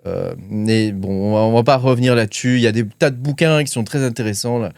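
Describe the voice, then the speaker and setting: A man's voice: mid-range voice, fairly quick, vocal fry, a little mellow, smooth, dry recording, studio quality. A man hosting a crypto channel, talking casually with lots of fillers and hesitations while reading his notes. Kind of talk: casual commentary to camera.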